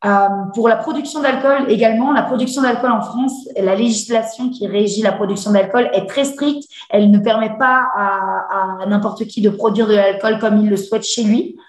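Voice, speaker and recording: A woman's voice: mid-range voice, steady tone, moderate pace, hardly any pauses, echoey room, rough recording. Hesitant woman explaining a lesson. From Alsace. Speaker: teacher. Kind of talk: cultural presentation lesson.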